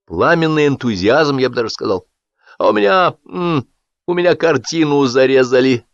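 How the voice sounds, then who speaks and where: A man's voice: medium pitch, animated, normal speed, no room sound, dull audio, pitched above the performer's own voice, close to an everyday voice. A man reading an audiobook, voicing an effusive, fawning male film director who talks in gushing exclamations.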